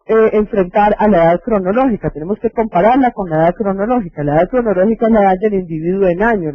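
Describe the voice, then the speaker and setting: A man with a high voice and a Colombian accent gives an explanatory health lecture, teaching didactically and posing rhetorical questions. The recording is dry, with dull lo-fi videoconference audio.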